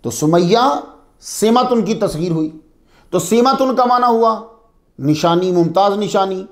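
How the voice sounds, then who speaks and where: A male religious teacher with a fairly high voice that swings up and down a lot as he lectures his students. He poses rhetorical questions, answers them himself, and repeats key terms to drive them home. The room around him sounds echoey. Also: expressive, a little slow.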